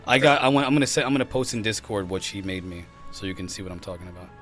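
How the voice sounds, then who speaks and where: A man in his thirties hosting a podcast, chatting casually with quick, excitable exclamations. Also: lowish voice, soft background music. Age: 30s. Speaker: podcast host. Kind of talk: casual chat.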